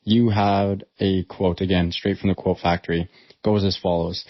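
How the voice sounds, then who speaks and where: A man's voice: low voice, level tone, normal speed, no room sound. A man hosting a podcast, asking interview questions in an enthusiastic, casual way. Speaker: podcast host. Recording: dry, muffled lo-fi sound.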